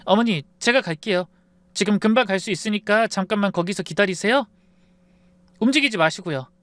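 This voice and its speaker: A man voicing a caring young daughter-in-law who speaks softly and warmly. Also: fairly high pitch, big pitch swings, fairly quick, no echo, pitched above the performer's own voice. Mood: concerned. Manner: soft, warm, concerned.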